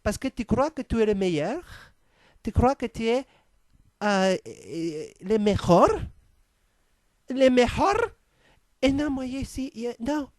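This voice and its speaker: A haughty, threatening Spanish queen with a put-on mock Spanish accent, as a man plays her in a comic sketch. She mangles her words into fake Spanish, in a high, dry voice. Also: expressive, takes it slowly, long pauses, no echo, heavily acted. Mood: menacing.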